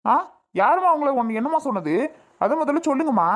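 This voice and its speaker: A woman's voice: high voice, lively intonation, fast talker. A woman voicing an impatient grown son. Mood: exasperated. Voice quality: blunt, exasperated. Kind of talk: animated cartoon voice acting.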